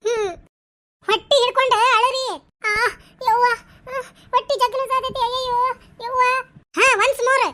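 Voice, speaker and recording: A woman voicing bickering village women in a cartoon, talking in quick bantering dialect with a North Karnataka Kannada accent. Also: very high voice, steady tone, sharp tone, heavily acted. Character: bickering village women, a landlady and her helpers. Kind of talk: cartoon voice acting.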